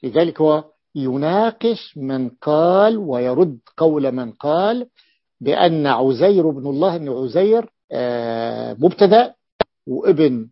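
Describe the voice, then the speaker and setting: A man's voice: fairly high pitch, animated, a little slow, no echo. A man teaching a grammar lesson, who repeats key phrases and asks and answers his own questions. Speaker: sheikh teaching rhetoric. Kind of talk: classroom lesson explaining Arabic grammar. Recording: dull, dry lo-fi lecture recording.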